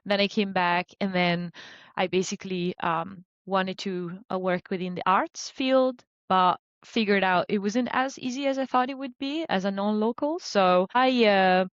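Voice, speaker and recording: A woman in her thirties from Italy, a business coach talking about her career in a relaxed, chatty way with many fillers. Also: medium pitch, a little slow, clean tone, no room sound, lo-fi sound. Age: 30s. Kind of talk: conversational interview.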